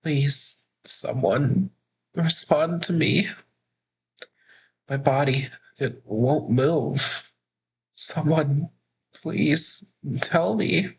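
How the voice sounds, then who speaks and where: A man voicing a frightened protagonist who is trapped and unable to move, speaking in a trembling, pleading way with a raspy, creaky voice. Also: sits high, very animated, slow pace, long pauses, a little hiss or hum, pitched above the performer's own voice, exaggerated voice, poor audio. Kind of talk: fan voice acting of a game.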